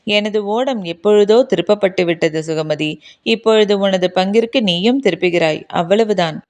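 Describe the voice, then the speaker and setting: A woman's voice: mid-range voice, moderate pace, darkish tone, close to an everyday voice. A woman reading the lines of an aloof young noblewoman in a storybook, with a careless, offhand tone.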